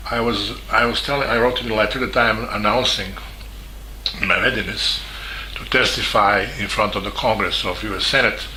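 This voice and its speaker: A man from Serbia with a Serbian accent, a journalist giving a spoken statement in halting English full of fillers and restarts. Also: lowish voice, fairly even intonation, noisy background. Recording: echoey room with faint ambience.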